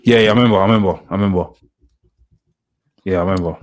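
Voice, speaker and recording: Male co-host, lowish voice, loose conversational delivery that doubles back on phrases. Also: racing. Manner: repeats phrases for emphasis. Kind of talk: casual chat about wrestling on a live show.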